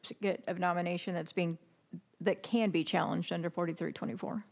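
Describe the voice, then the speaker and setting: A woman's voice: lowish voice, steady tone, fast talker, creaky. A woman judge putting probing questions from the bench. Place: large courtroom.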